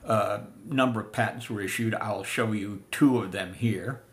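An older man giving a casual spoken history lesson, unhurried with many filler pauses, seated in a room full of antiques. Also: lowish voice, a bit bright. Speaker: living history presenter.

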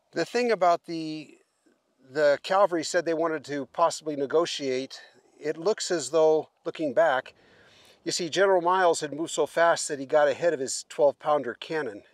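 A man's voice: a little high, no echo. A man in his sixties explains a historic site while walking outdoors, talking casually with many fillers, filming himself at arm's length. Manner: relaxed, halting with fillers. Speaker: travel vlogger. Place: open prairie outdoors. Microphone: camera held at arm's length.

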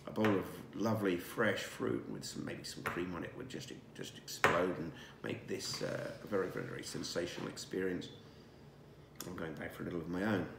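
A winemaker in his sixties presents a wine tasting, relaxed and savoring, with many fillers and restarts. He's filmed indoors at a dining table by a camera across from him. His low voice is brisk with vocal fry, in an echoey room with heavy background noise.

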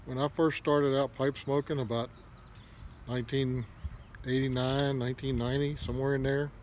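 A middle-aged man chatting casually to camera in a relaxed, rambling, folksy way, with a pipe clenched in his mouth. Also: mid-range voice, normal speed, a little hiss or hum. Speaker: pipe smoking vlogger. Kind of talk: casual vlog talk to camera.

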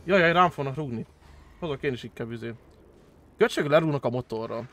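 A young man streaming a role-play game, chatting casually and excitably with friends, swearing often and jumping into high squeals. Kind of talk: casual gaming chat with friends.

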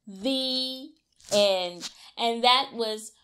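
Drawing out her words in a bright, forceful tone, a young adult woman performs a storybook for young children and coaxes them to take part. Her voice is on the high side. She is a read-aloud teacher working in a small, colorful, classroom-like room indoors.

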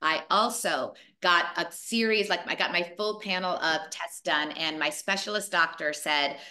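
A woman in her forties on a video call, presenting a fitness program to her partners in an energetic, emphatic way and repeating points for stress. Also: lowish voice, normal speed. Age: 40s.

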